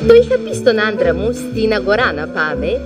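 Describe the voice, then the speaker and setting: An actress playing a chatty middle-aged housewife who tells of a marital squabble in half-sung comic verse. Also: female voice, mid-range voice, huge pitch swings, music in the background. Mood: complaining. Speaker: singing comic storyteller. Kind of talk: old-time comic revue with songs.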